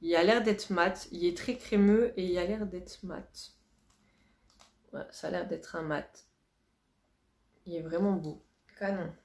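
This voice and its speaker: A woman's voice: lowish voice, steady tone, a little slow, long pauses, darkish tone. Chatty woman vlogger in a roomy space. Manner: chatty, gushing, repeats words for emphasis. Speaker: beauty vlogger unboxing a box. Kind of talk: casual chat to camera. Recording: roomy echo, faint hiss.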